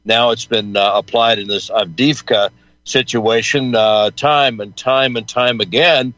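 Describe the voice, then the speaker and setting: A man hosts a political talk show, his voice bright and forceful at a middle pitch. He asks questions in measured, formal sentences. The sound is dry and close. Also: fairly even intonation, dry recording, dull audio.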